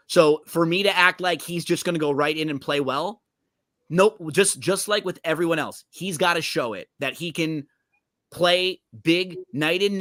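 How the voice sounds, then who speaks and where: A man hosting a podcast, chatting casually and quickly about basketball, often restarting his sentences. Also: fairly high pitch, pushed and bright, dry recording, clean studio sound. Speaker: podcast host. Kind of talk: casual sports chat.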